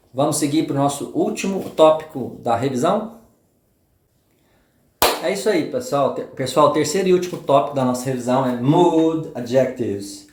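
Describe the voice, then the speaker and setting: A man's voice: fairly high pitch, darkish tone, roomy sound. A man from Brazil teaching an exam review lesson, explaining step by step and checking in often with his students. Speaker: English teacher.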